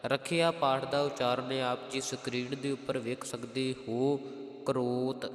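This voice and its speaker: Slow, echoing Punjabi man teaching scripture recitation. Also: medium pitch, steady tone. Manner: slow, methodical, chants each verse then explains spelling. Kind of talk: scripture pronunciation lesson with chanted verses. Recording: roomy echo with long reverb.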